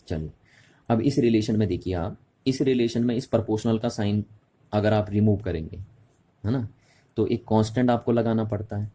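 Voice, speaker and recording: A man's voice: on the low side, dark tone, slight background noise. A man teaching a physics lesson in Hindi mixed with English, patiently repeating key terms and checking that students follow. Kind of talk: classroom lecture mixing Hindi and English.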